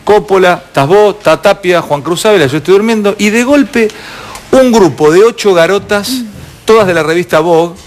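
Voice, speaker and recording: An Argentine man hosting a television talk show, animated and storytelling, often restarting his sentences. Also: high voice, normal speed. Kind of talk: lively panel banter. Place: TV studio.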